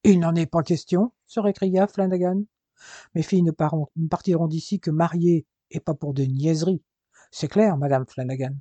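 Narrator putting on a giant red-haired innkeeper, loud, bursting exclamations, dry lo-fi sound. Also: moderate pace, dry recording, natural voice. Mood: grumbling. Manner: loud, exclamatory, high-pitched outbursts. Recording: dull lo-fi dry recording.

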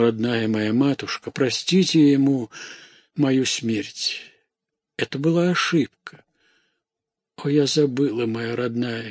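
A man's voice: mid-range voice, a little mellow, husky, dry recording, pitched above the performer's own voice. A man reading an audiobook, voicing a young woman on her deathbed, speaking weakly and tenderly. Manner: weak, tender, halting. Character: young woman dying, gentle and forgiving.

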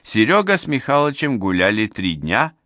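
A man's voice: medium pitch, big pitch swings, normal speed, sharp tone, dry recording. A man narrating a science fiction story as an audiobook, reading expressively.

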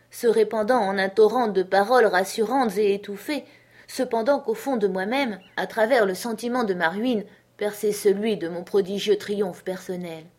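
A woman narrating a literary audiobook in a measured, earnest storytelling manner. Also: mid-range voice, darkish tone. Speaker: audiobook reader.

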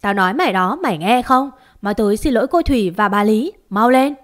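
A woman reading a storybook who voices a domineering older mistress of the house, scolding and yelling. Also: fairly high pitch, animated, fairly quick. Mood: furious.

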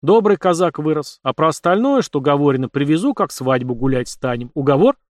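A man's voice: fairly high pitch, expressive, a little fast, dry recording, clean studio sound, close to an everyday voice. A man voicing a confident young nobleman who speaks in an assured, matter-of-fact, commanding way. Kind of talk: audiobook character voice.

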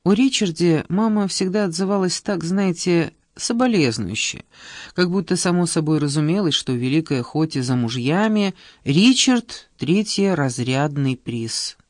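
A woman reading an audiobook, voicing a sharp-tongued, irritable middle-aged Englishwoman who speaks wryly and with exasperation. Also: on the low side, animated, normal speed, dry recording, clean studio sound, close to an everyday voice. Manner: wry, exasperated.

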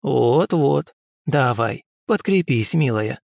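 A man's voice: on the high side, very animated, a little slow, creaky, no room sound, clean studio sound, voice pushed up, full character voice. A man voicing a shrewd, bossy old village wise woman with a folksy, scolding manner. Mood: cooing. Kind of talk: audiobook character voice.

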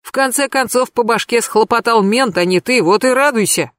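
A woman reading an audiobook, voicing a calm young man who mocks his friend and tries to settle him down. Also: on the high side, moderate pace, no room sound, clean studio sound, pitched above the performer's own voice, close to an everyday voice. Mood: wry. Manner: mocking, calming.

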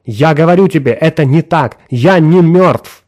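A man voicing a desperate middle-aged clerk who insists he is alive, pleading and nearly shouting. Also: mid-range voice, moderate pace, close to an everyday voice.

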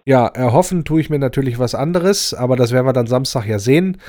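A man hosting a fan radio show, chatting, telling jokes in an animated way. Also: medium pitch, fast. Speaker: host.

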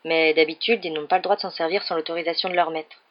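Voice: mid-range voice, fairly even intonation, fast, natural voice. A clever teenage twin, read by a storyteller, explains with easy confidence. His voice sits close to the reader's own. The recording is slightly dull and lo-fi.

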